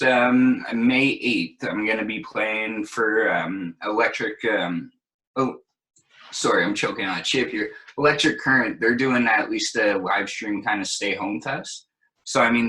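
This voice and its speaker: Bright-toned laid-back young man. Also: fairly low pitch, rough recording. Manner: laid-back, rambling, lots of fillers. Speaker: guest DJ and producer. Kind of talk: casual chat.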